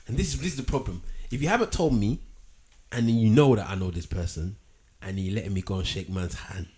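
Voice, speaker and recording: A man's voice: fairly low pitch, a little fast, a little mellow. A man with an urban London roadman accent debating casually in street slang, emphatic and repeating himself for effect. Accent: London, urban street "roadman" style. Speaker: talk show panellist.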